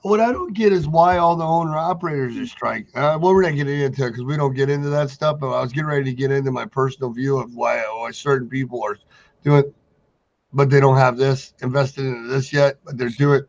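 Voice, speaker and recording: A man's voice: medium pitch, a little fast. A man co-hosting a trucking talk show in casual banter, rambling and blunt, with heavy swearing. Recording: dull lo-fi audio.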